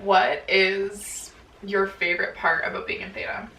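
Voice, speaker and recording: A woman's voice: medium pitch, flat delivery, unhurried, creaky, sharp tone. A young woman in casual chat, asking questions as a sorority sister. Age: young adult. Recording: roomy, distant mic, noisy.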